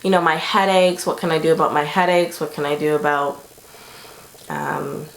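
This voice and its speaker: Young woman chatting to camera about her week, lowish voice, lots of ums, echoey room. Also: steady tone, normal speed, gravelly. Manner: chatty, rambling, lots of fillers. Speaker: vlogger. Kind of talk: casual pregnancy update vlog.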